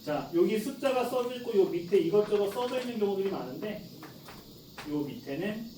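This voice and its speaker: A man in his forties teaches a class with animated, brisk delivery, his voice sitting high yet dark in tone. He is chatty, often questioning students and answering himself. The echoey classroom is recorded from afar, with a little hiss or hum.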